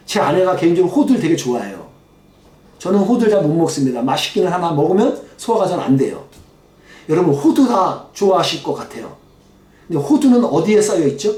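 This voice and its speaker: A man's voice: high voice, a little mellow. A man preaching a sermon as pastor, pleading and emotional, addressing his congregation directly. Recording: echoey church hall, mic off at a distance.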